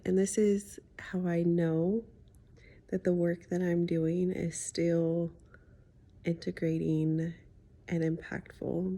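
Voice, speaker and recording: A woman talking reflectively in a confiding personal vlog as a healing coach, with slightly lisped speech from wearing a retainer, pausing thoughtfully and often softening to a near-whisper. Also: on the low side, vocal fry, husky. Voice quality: slight lisp from speaking with a retainer in. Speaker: spiritual healing coach sharing a personal story.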